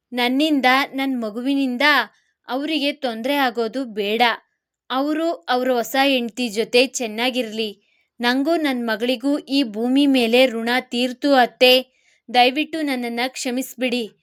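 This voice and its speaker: A woman's voice: high voice, fairly even intonation, measured pace. A woman voicing a jealous, scheming young wife who puts on tearful, theatrical pleading. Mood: melodramatic.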